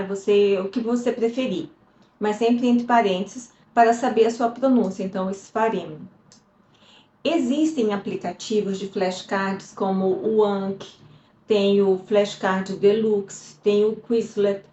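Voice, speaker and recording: A woman's voice: on the high side, darkish tone. Woman teacher, chatty and explanatory, echoey room. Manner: chatty, explanatory, frequent "tá?" check-ins. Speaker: Hebrew teacher. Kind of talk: casual teaching video.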